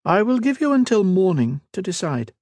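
Male narrator reads a regal, cold queen: raised pitch, stately, commanding. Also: big pitch swings, moderate pace, a little mellow, no room sound. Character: imperious, cold and calculating queen.

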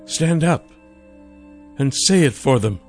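A man's voice: medium pitch, lively intonation, slow, darkish tone, faint music behind. A man voicing a poised, teasing young noblewoman ruler who speaks in a lofty, coaxing way.

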